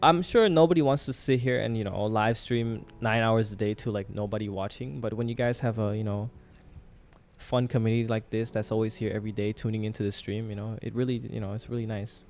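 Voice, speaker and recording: A young man raised in Thailand hosts a casual live trading stream, chatting with his viewers and using lots of fillers. His voice is on the low side, steady, somewhat fast, and a bit mellow.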